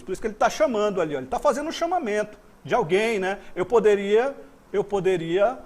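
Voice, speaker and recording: Lively Brazilian man teaching grammar. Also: high-pitched. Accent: Brazilian Portuguese. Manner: lively, repetitive, coaxing students to look. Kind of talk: online grammar lesson.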